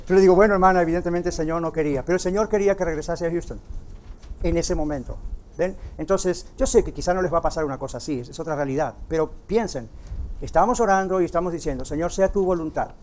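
A man's voice: fairly high pitch, quick pace, a little mellow. An older male pastor preaching a sermon, telling a story animatedly and putting rhetorical questions to his congregation.

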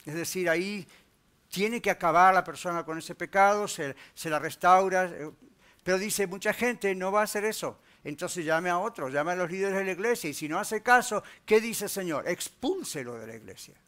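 A man with a fairly high voice preaches a sermon as pastor. He builds his points through rhetorical questions, then settles into a quieter tone to pray. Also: lively intonation, moderate pace. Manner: rising emphatic preaching, rhetorical questions, dropping low and soft in prayer. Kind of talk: sermon with closing prayer.

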